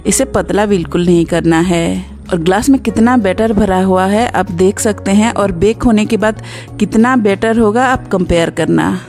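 A woman hosting a cooking channel, narrating a recipe step by step in a calm instructional voice-over. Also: mid-range voice.

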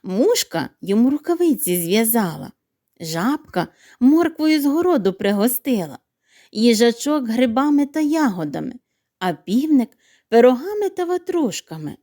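A woman narrating a children's fairy tale in an expressive, sing-song way. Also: on the high side, normal speed. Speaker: storyteller.

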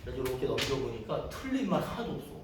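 A middle-aged male pastor telling stories in a conversational sermon, sometimes shouting quoted lines. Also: mid-range voice, sing-song, fast talker, background noise. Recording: echoey room from a distance.

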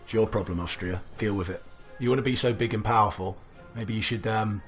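Fairly quick and loose, a let's play commentator talks himself through a strategy game into a desk mic. He's a young man whose low voice is a bit gravelly from a lingering cough, with soft game music faint in the background.

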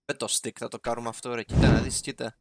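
A young man giving casual, excitable let's-play commentary as a gaming YouTuber, talking straight to his viewers. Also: mid-range voice, a little hiss or hum. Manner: excitable, talks to viewers, sprinkles English game terms.

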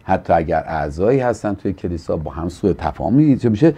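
A man's voice: deep voice, animated, dark tone, breathy edge. A pastor from Iran, a man, earnestly teaching on a studio talk show in a preacherly way. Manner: earnest and preacherly, acting out quoted people with a livelier voice.

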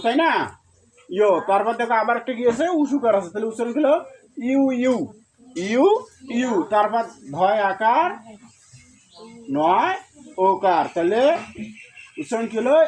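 A man teaching pronunciation, asking questions and answering them himself, breaking words into syllables and chanting verse lines slowly in a melody. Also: very high-pitched, a little hiss or hum.

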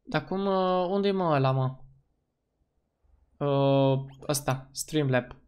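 A man giving let's-play commentary as a gaming YouTuber, excitable and slangy, breaking into loud whoops. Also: on the high side, smooth.

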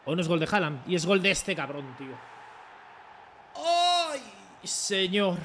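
A young man from Spain, commentating his own football game run with excited swearing and rants. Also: fairly high pitch, fast talker, slight background noise. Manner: excitable, swears a lot, talks to the referee and coach. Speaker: gaming streamer. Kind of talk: live gameplay commentary.

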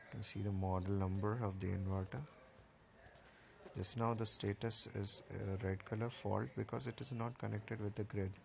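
A man with a low, gravelly voice that stays fairly flat as he talks through the wiring. He explains each part plainly, one step at a time, pausing on the odd "uh". A faint hiss of outdoor noise sits underneath. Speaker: solar installer explaining a setup. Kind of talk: casual technical walkthrough. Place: outdoors at a rooftop solar installation.

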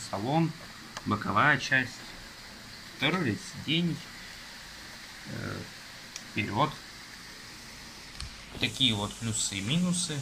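Indoors at a table while it rains outside, a young man haltingly lists the contents of a car magazine page by page, using fillers as he goes. A phone camera records him from above, picking up his mid-range voice and some background noise.

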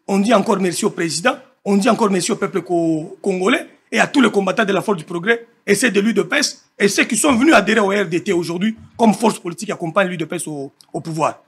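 A man giving an impassioned political account, emphatic and animated, switching between French and Lingala. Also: high-pitched, fast, gravelly, slightly rough. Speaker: political guest.

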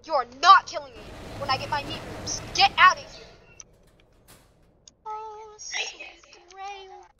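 A young woman giving dramatic, excitable gameplay commentary, gasping and gushing. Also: high-pitched, fairly quick. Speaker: gaming streamer. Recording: dull lo-fi mic with faint noise.

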